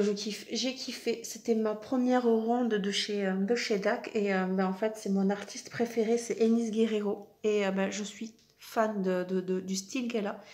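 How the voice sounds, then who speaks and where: Casting: chatty woman vlogger, casual show-and-tell, lots of fillers, mid-pitched. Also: darkish tone. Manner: chatty, many fillers and restarts. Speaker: crafting vlogger.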